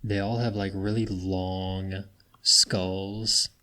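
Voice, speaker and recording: A young man narrating as game master in casual, halting chat, full of fillers. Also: low-pitched, little pitch movement, bright, forceful tone.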